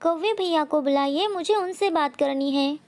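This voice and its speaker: A woman voicing a gentle, polite little female sparrow in a cartoon story. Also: high-pitched, moderate pace.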